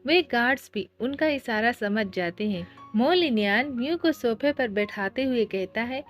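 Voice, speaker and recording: A woman telling a manga story in lively, conversational narration. Her voice sits a little high, and soft music plays underneath throughout. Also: unhurried.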